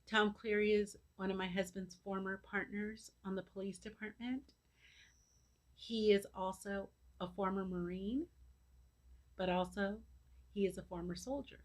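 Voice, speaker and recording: A woman giving an earnest personal video message to supporters, speaking haltingly in short phrases as a charity fundraiser. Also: mid-range voice, fairly even intonation. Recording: clear background noise.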